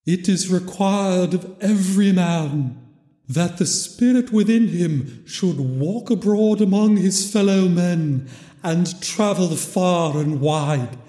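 Slow, echoing, tormented ghost. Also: male voice, sits high, dark tone, voice pushed up. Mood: solemn, ominous. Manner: slow, drawn-out, solemn wailing delivery. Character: tormented, mournful ghost of a dead miser. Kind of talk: dramatized storybook reading. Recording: very echoey, long reverb.

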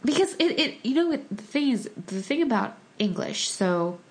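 A woman from the United States whose first language was Korean chats in a relaxed, casual conversation. Her voice sits high and she keeps a moderate pace, sounding thoughtful, with lots of small restarts and fillers.

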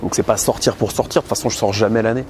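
A man's voice: fairly low pitch, steady tone, rapid-fire, a little mellow. Blunt man in his thirties vlogging outdoors. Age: 30s. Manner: candid, blunt, filler-heavy. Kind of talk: casual vlog monologue. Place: outdoors on a busy city street. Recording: noisy outdoor street recording. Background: traffic and street ambience.

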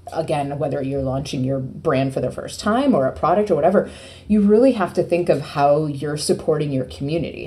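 A woman chats on a podcast in a deep, mellow voice. She rambles playfully and fills her talk with "like" and "you know". Her tone stays warm and dark. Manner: rambling, playful, filler-heavy. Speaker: podcast co-host, PR agency. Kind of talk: casual podcast chat.

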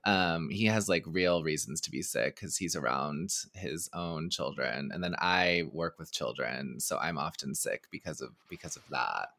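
A man's voice: a bass voice, normal speed, gravelly, few pauses, bright, forceful tone, no room sound. A man hosting a podcast in casual chat, rambling and often correcting himself. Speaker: podcast host.

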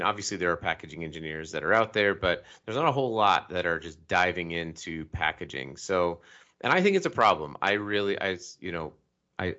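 A man hosts a casual interview in a very deep voice. He rambles cheerfully and often corrects himself mid-sentence. The call audio sounds dull and lo-fi. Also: pushed and bright. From Colorado, United States. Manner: upbeat, rambling, with self-corrections. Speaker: podcast host.

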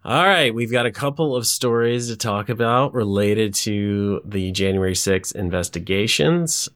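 Low-voiced man co-hosting a podcast. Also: animated, unhurried, fairly bright tone. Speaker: podcast co-host. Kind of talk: political podcast talk.

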